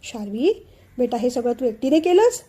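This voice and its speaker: A woman doing a gentle wise mother-in-law. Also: fairly high pitch, big pitch swings, moderate pace, husky. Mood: tender. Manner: soft, affectionate advice.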